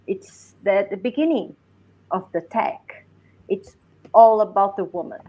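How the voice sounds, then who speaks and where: A Brazilian woman talks slowly on a video call, choosing each English word with care. Her Portuguese accent stays clear throughout. Her pitch sits in the middle. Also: highs cut off. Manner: careful, searching for words. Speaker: film director, guest.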